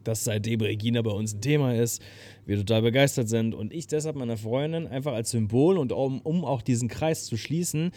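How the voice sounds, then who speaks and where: A young man telling a long story in casual chat, breaking into loud shouted impressions. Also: mid-range voice, a little fast, dry recording.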